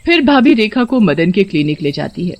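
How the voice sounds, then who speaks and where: A woman's voice: mid-range voice, sing-song, brisk, darkish tone. Woman narrating a folk story.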